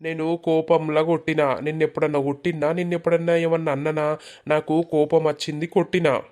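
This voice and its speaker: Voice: mid-range voice, flat delivery, a little fast, a little mellow, natural voice. A performer voicing a hurt, resentful village man with a Telangana accent, talking in a reproachful, pleading way. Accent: Telangana Telugu. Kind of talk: animated village comedy dialogue.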